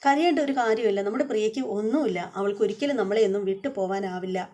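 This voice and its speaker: A woman's voice: medium pitch, fast talker, warm tone, close to an everyday voice. A woman retelling a distraught man in denial. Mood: pleading. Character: distraught grown man in denial over a loved one.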